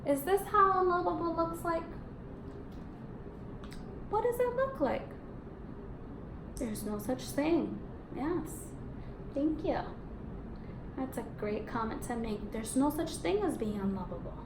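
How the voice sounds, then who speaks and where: With a high, sing-song voice, a slow pace, and frequent pauses, a woman teacher reads a storybook aloud expressively to young pupils. She prompts them with questions and affirms what they answer, heard in a roomy, echoing recording with faint background noise.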